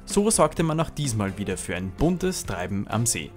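A man's voice: lowish voice, big pitch swings, normal speed. A man narrating a sailing event report in a scripted, upbeat voice-over. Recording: voice-over with loud music behind.

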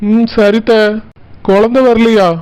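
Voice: medium pitch, level tone, takes it slowly, very noisy, natural voice. A performer voicing a subdued young village man with a broken arm, in a Tirunelveli accent. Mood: meek. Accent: Tirunelveli Tamil. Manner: meek, subdued. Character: meek injured young man.

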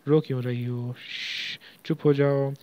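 A gentle young college guy, read by a man. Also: mid-range voice, little pitch movement, moderate pace, natural voice. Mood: soothing. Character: caring young male college student. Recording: dull lo-fi audio.

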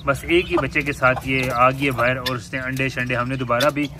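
A young pet and bird vlogger chats playfully while filming his animals in his home yard with pet cages, scolding and coaxing them in a casual vlog style. His voice is medium-pitched and steady at a moderate pace. The outdoor recording has loud birdsong and background noise.

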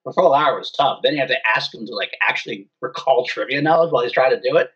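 A man's voice: medium pitch, expressive, quick pace, a bit bright, recorded from a distance, muffled recording. A man co-hosting a casual show, laughing easily while he tells anecdotes. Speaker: co-host. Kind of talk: casual podcast chat.

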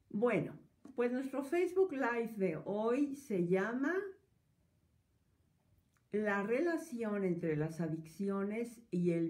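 A woman psychologist hosting a live-streamed talk, speaking slowly and emphatically and addressing her viewers directly. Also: on the low side, mellow, no room sound. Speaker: psychologist and host. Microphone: earphone headset. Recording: dull lo-fi stream audio.

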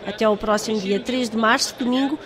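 A woman reporter reading a scripted news voice-over in an even, measured way. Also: on the high side, a crowd in the background. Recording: voice-over with music bed.

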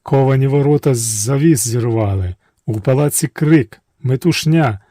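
Mellow male fairy-tale narrator. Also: medium pitch, moderate pace, no echo. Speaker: storyteller. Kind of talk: scripted folk-tale narration. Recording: dry studio voice-over with faint music.

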